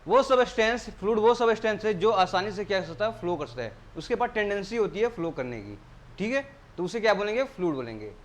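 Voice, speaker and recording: एक पुरुष शिक्षक इंजीनियरिंग परीक्षा की कक्षा में व्याख्यान दे रहा है। वह अक्सर कक्षा से सवाल पूछता है और खुद ही जवाब देता है। वह मुख्य शब्दों को बार-बार दोहराता है।. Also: male voice, high voice, expressive, fast talker. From India. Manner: asks the class questions and answers them himself; keeps repeating key terms. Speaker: engineering exam tutor. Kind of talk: classroom lecture.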